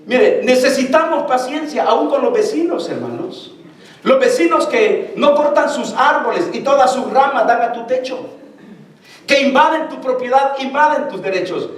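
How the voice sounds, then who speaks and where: Pastor, male, animated sermon delivery; recorded from afar in a big reverberant hall. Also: very high voice, moderate pace. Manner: animated preaching, addresses congregation as brothers. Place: church sanctuary. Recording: echoey church hall from far off.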